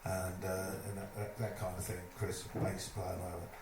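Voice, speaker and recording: A man telling a lively stage anecdote, putting on other people's voices as he goes. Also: low-pitched, normal speed. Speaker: storyteller at a live evening event. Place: live event venue, indoors. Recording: echoey room, distant mic, noisy.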